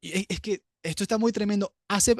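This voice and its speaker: Male preacher, high pitch, dry close sound, earnest teaching sermon. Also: fairly quick, no echo. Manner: earnest, keeps addressing listeners as "hermano".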